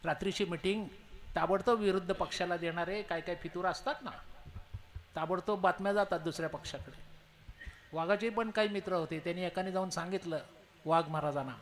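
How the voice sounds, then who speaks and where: A man preaching at a kirtan, telling a story in an animated way and punctuating it with frequent affirming interjections. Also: high voice, a little fast. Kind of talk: devotional storytelling sermon.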